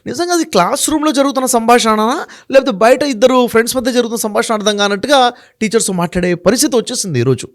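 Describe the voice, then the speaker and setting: A man's voice: very high voice, animated, rapid-fire. A man speaking as an interview guest, making emphatic points one by one and putting rhetorical questions to the host. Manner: emphatic, works through numbered points. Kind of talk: explaining in a sit-down interview.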